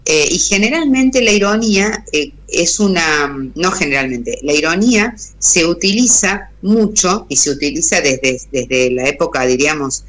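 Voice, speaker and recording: Bright-voiced Argentine woman explaining on radio. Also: lowish voice, animated, moderate pace, hardly any pauses. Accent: Argentine Spanish. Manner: thoughtful, frequent hesitations and restarts. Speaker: radio guest speaker. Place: radio studio.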